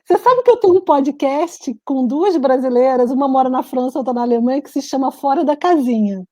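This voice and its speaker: A Brazilian-born woman living in Switzerland telling stories in a lively, animated casual chat, laughing often. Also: high voice, brisk, dry recording. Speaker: guest, writer and journalist. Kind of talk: casual video-call chat. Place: home in Switzerland.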